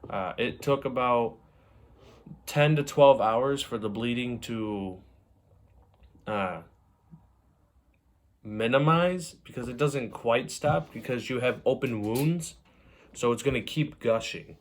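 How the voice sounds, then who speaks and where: A man's voice: mid-range voice, takes it slowly, long pauses. A man talking casually and unscripted to camera, giving advice from his own experience in a rambling, conversational way. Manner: rambling, conversational, repeats "you know". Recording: clearly noisy background with clicks.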